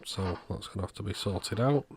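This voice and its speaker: An electronics repairer presents his own channel, giving casual commentary as he walks through a repair at an indoor workbench. His low voice is brisk, matter-of-fact and understated, like he's thinking aloud, against a noisy background.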